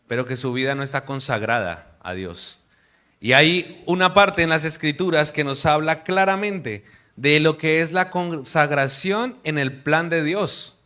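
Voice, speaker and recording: A young man from Colombia, a missionary preaching an earnest sermon to a congregation. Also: a little high. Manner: earnest, warm preaching with hushed prayer.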